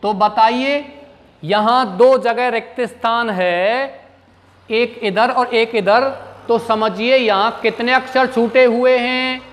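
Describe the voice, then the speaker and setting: A male teacher with an Indian English accent leads a grammar lesson in a high, unhurried voice. He spells words out letter by letter and asks questions that he answers himself. The room adds a long, ringing reverb. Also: steady tone, fairly bright tone.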